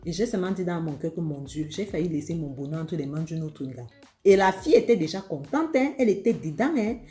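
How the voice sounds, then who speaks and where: A woman from Africa giving relationship advice to viewers in a casual, confiding way. She tells animated stories and addresses her audience directly. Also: fairly low pitch, fairly quick, roomy sound, faint music behind.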